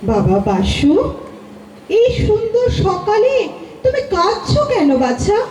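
Woman playing a high-voiced river goddess. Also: wildly swooping pitch, darkish tone, heavily acted. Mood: gentle. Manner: slow, soothing, teasing. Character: kindly river goddess, gentle and motherly. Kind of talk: amateur radio play acting. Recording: echoey room with faint noise.

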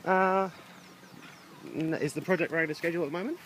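A man's voice: a little high, fairly even intonation, fast talker, fairly bright tone, slight background noise. A man interviewing on site outdoors, asking direct questions from a distance.

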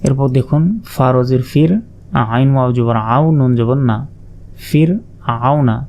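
A man teaches Quran reading in a step-by-step spelling lesson, patiently spelling out letters and vowel marks and stretching the sounds in his examples. His mid-range voice is a little slow and mellow, with fairly even intonation.

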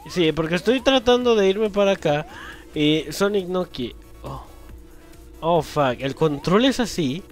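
A young man, commentating a video game as he plays, swearing loudly and laughing often at what happens on screen. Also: sits high, lively intonation, a little slow, soft background music. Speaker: gameplay commentator. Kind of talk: let's play commentary.

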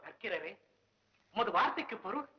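An actor playing a dignified male king in a 1960s film, making slow, formal pronouncements. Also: high voice, big pitch swings, slightly rough, heavily acted. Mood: grateful. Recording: dull old film soundtrack.

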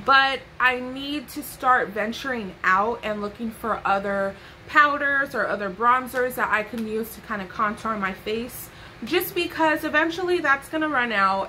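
Young woman vlogger, sassy and chatty; bright, pushed tone, faint room hiss. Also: a little high, low-quality recording. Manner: sassy, playful asides, chatty. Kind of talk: casual haul chat to camera. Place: bedroom.

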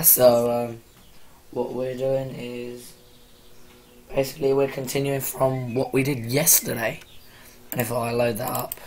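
A man with a croaky voice casually talking to viewers on a live stream, rambling as he sets things up. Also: mid-range voice, slight background noise. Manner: rambling, chatty, addressing viewers.

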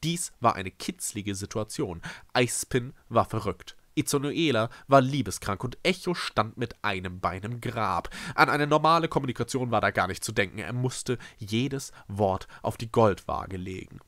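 A man reading a novel aloud with lively, expressive narration. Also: fairly low pitch, normal speed, no echo. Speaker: reader. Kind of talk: storybook read-aloud.

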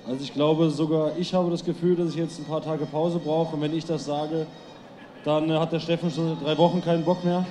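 A man's voice: fairly high pitch, little pitch movement, a little fast, dark tone, slight background noise. A young male athlete answering interview questions in an easygoing, joking way with hesitations.

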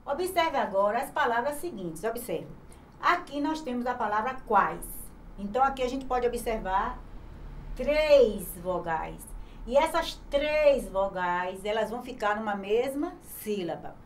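A primary school teacher with a Brazilian Portuguese accent gives an online grammar lesson to children in a slightly high, animated voice, with a little background noise. She works slowly and patiently, sounding words out syllable by syllable and posing questions to the class that she then answers herself.

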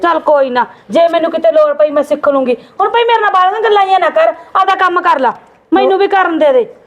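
A woman's voice: extremely high pitch, expressive, fast, dull audio. A woman playing a defensive, taunting sister-in-law in a Punjabi family drama skit.

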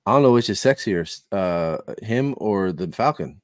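Deep-voiced enthusiastic male hobby host. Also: animated, normal speed, dry recording. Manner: enthusiastic, rambling with restarts. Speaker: podcast host. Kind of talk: casual chat.

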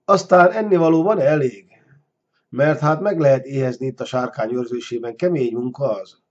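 A man voicing a scheming, flattering deposed king who wheedles and bargains, on a dull lo-fi recording. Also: mid-range voice, natural voice. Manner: wheedling, sly.

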